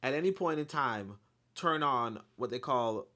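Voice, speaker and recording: Speaking a little slowly in a mid-range voice, a man reads from a history book before launching into lively, frank remarks laced with swearing and plenty of fillers.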